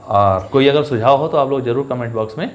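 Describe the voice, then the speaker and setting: A man teaching an English poetry lesson for exams, explaining step by step and reading verse lines slowly, one syllable at a time. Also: mid-range voice. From India. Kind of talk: exam-focused poetry lesson.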